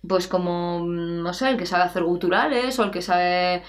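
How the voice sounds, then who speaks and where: Lively singing teacher woman. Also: fairly low pitch, moderate pace. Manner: lively, chatty, animated with playful examples and laughs. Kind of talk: answering viewer questions.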